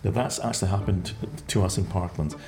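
A man's voice: sits low, a little fast, darkish tone. A man from Scotland who runs a care home, answering interview questions in a reflective way, often repeating words as he thinks.

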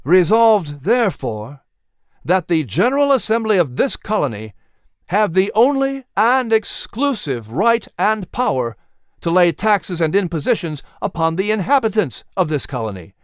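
A man's voice: sits high, sing-song, normal speed, no room sound, clean studio sound, pitched above the performer's own voice. A man voicing a defiant colonial orator declaiming formal resolutions.

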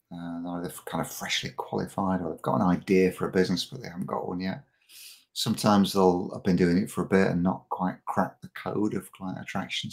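A man's voice: low voice, creaky. A middle-aged man, a coach guest on a podcast, talking casually and often restarting and repeating words. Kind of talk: casual interview chat.

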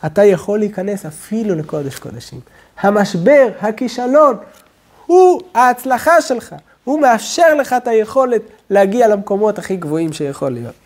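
Man preaching slowly with hushed drops. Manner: slow, deliberate preaching with sudden drops to a low hush. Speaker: rabbi. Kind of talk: sermon.

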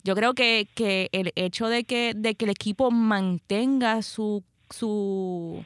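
A woman's voice: medium pitch, slow pace, clean tone, no echo, clean studio sound. A Puerto Rican woman hosting a casual sports chat, emphatic and often repeating her phrases for weight. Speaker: sports podcast host.

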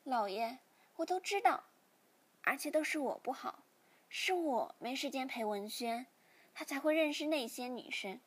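A woman voicing a meek, self-blaming young wife who speaks in a pleading, apologetic way with a breathy voice. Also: high voice, lively intonation, a little slow, heavily acted. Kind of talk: storytelling reading.

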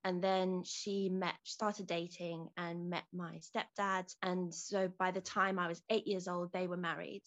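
A woman's voice: on the low side, flat delivery, unhurried, hardly any pauses, highs cut off. A woman from Zambia in her thirties, a podcast guest telling her life story openly and reflectively. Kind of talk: casual interview storytelling.

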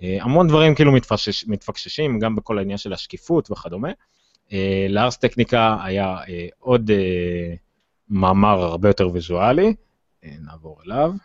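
A man with an Israeli accent hosting a casual tech discussion, speaking haltingly with many filled pauses. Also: on the low side, lively intonation. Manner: hesitant, halting delivery with frequent filled pauses. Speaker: tech podcast host. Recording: dull, roomy, lo-fi sound.

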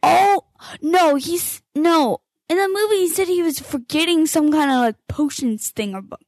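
A chatty woman co-hosting a casual book-discussion podcast, her voice sitting high. She rambles and corrects herself as she goes. The recording is dry and close. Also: normal speed, a little mellow, no room sound. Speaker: podcast co-host. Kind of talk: casual chat about a book.

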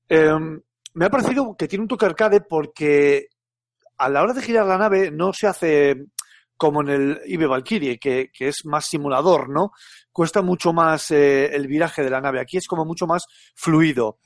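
A man's voice: on the high side, no echo, clean studio sound. A man with a Castilian Spanish accent chatting casually and colloquially about games as a podcast panelist, often repeating words as he goes. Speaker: video game podcast panelist. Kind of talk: casual game review chat.

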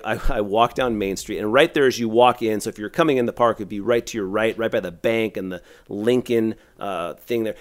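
A middle-aged man, a youth pastor, telling a long story on a podcast in a rambling, animated way full of "like". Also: lowish voice. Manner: animated, rambling, heavy use of "like".

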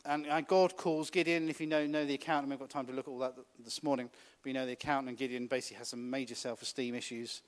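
A man's voice: mid-range voice, steady tone, fast talker, few pauses. A man preaching a conversational sermon, often laughing and asking the congregation questions.

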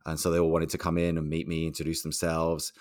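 A man's voice: very deep voice, fast, dry recording, clean studio sound. A young man telling a story in conversation, acting out the other voices in it. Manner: animated storyteller, acts out quoted voices.

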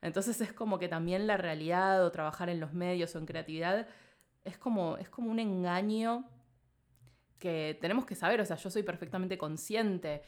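A woman from Argentina with a fairly low voice speaks with a clear Argentine accent. She muses through her answers in a casual interview and strings her thoughts together with lots of filler phrases. An occasional laugh slips into her talk. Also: normal speed. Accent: Argentine Spanish. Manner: rambling, thinks aloud with many filler phrases. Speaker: interview guest. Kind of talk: casual reflective conversation.

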